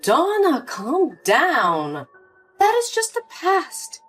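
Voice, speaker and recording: A woman's voice: high-pitched, huge pitch swings, very slow, fairly bright tone, full character voice. A woman voicing a cold, condescending older mother in a story drama, with faint music behind. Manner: cool, condescending.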